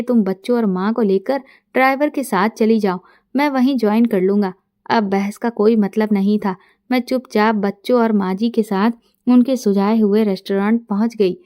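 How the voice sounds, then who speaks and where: A middle-aged woman narrating a first-person story, reading every part in her own quiet, even voice. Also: a little high.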